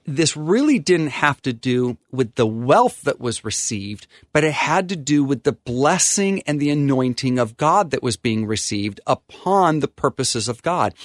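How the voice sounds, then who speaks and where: In clean, dry studio sound, a fairly high-voiced man serves as the attorney guest. He talks about estate planning from a faith perspective, earnest and almost sermon-like, frequently halting and starting over with ums.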